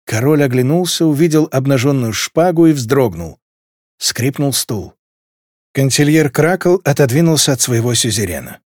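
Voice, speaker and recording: A man narrates a novel with a lively, wide-ranging melody. The sound is close and dry, without room reverb. His delivery is expressive and storyteller-like. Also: mid-range voice, normal speed. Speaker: audiobook narrator. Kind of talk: scripted narration.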